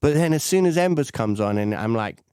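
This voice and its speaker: A man hosting a casual interview podcast, enthusiastic and quick to laugh, with frequent fillers. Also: medium pitch, expressive, a little mellow, smooth, dry recording, studio quality. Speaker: podcast host.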